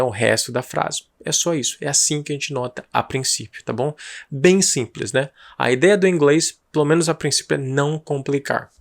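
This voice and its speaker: A man with a Brazilian Portuguese accent teaching an online class in a chatty way, asking and answering his own student questions and slowly drilling phrases for repetition. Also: mid-range voice, creaky. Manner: slow, drawn-out drill repetitions. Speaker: English teacher.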